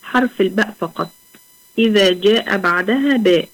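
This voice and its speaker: A young woman with an Egyptian accent teaching a Quran recitation lesson online. She talks patiently, asks questions and answers them herself, and draws out the example words slowly. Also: mid-range voice, rough recording. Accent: Egyptian Arabic.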